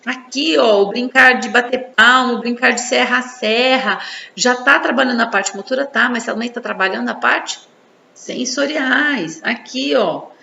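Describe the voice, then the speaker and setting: This psychology presenter, with her Brazilian Portuguese accent, explains infant development informally at a normal speed, checking in via frequent tag questions. Her voice is a little high, pushed and bright, with vocal fry, in an echoey room with dull sound and faint noise.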